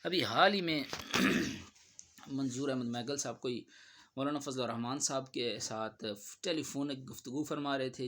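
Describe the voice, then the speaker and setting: A man giving spoken commentary on a religious dispute in a measured, admonishing tone. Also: mid-range voice, a bit bright.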